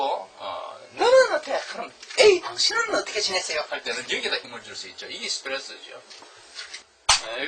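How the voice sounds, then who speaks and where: Male lecturer, lively pitch, bright tone, slightly distant mic with faint room noise. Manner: animated, rhetorical questions, reads English lines slowly. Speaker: literature lecturer. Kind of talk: classroom lecture on a novel.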